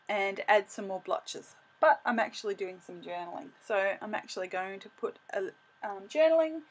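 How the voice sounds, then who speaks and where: A middle-aged woman casually narrating her scrapbooking as she works, thinking aloud and correcting herself as she goes. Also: medium pitch. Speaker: craft video host.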